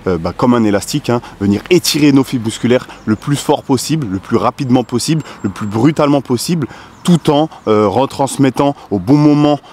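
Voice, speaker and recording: A man's voice: mid-range voice, brisk, darkish tone, slight background noise. A man explaining pull-up technique as a fitness coach, often checking in with the viewer and straining as he demonstrates. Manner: explanatory, repeats "d'accord", strains while demonstrating. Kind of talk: instructional fitness video.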